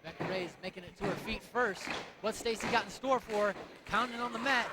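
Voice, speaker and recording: A man's voice: sits high, a little fast, heavy background noise. A man doing live wrestling color commentary, adding emphatic analysis and exclamations.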